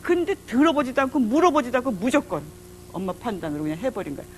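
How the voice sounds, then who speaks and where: High-voiced woman giving a lively lecture. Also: fast talker, a little hiss or hum. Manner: lively storytelling, acting out dialogue. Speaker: lecturer on marriage and parenting. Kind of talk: public lecture.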